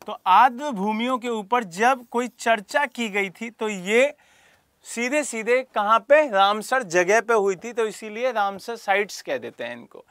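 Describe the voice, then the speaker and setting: A man's voice: sits high, animated, measured pace, fairly bright tone, dry recording. A man teaching a geography lesson for exam preparation, asking rhetorical questions and calling on students by name. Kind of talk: classroom lecture for exam prep.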